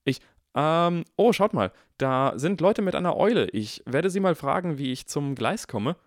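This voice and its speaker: A man reading an audiobook and voicing a clever, cheeky eleven-year-old boy who talks quickly and pleads and protests. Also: medium pitch, lively intonation, no room sound, clean studio sound, pitched above the performer's own voice, lightly acted. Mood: evasive.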